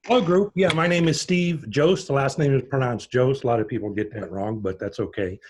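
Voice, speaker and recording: A man's voice: mid-range voice, a little fast. A middle-aged man from Pittsburgh introducing himself on a video call, chatty and rambling as he tells his story. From Pittsburgh, USA. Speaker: prospective club member.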